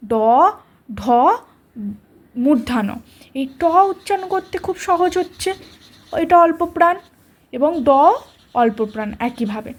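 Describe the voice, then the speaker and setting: Female teacher, high register, patient and repetitive, spells out each letter slowly and checks in with students. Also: a little mellow. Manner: patient, repeats letters slowly, asks "ঠিক আছে?". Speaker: grammar teacher. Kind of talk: explaining a lesson to students.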